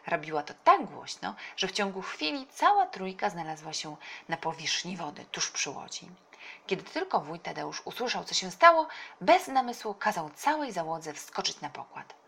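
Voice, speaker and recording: A woman reading a children's story aloud in an expressive, animated narrating voice. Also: on the low side, moderate pace, gravelly, slightly rough.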